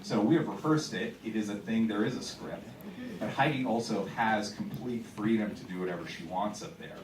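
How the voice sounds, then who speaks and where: In an echoey theater auditorium, a man's voice, somewhat low and at a normal pace, comes through from far off a held mic amid noise. He's the theater director giving a casual pre-show talk, rambling with plenty of fillers and restarts.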